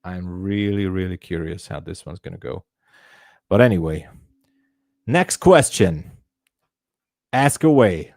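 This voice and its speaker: A man's voice: low voice, lively intonation, slow pace, long pauses, darkish tone, no room sound, clean studio sound. A man from Hungary hosting a live trading stream, chatting casually, laughing often and thinking aloud. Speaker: livestream trading host.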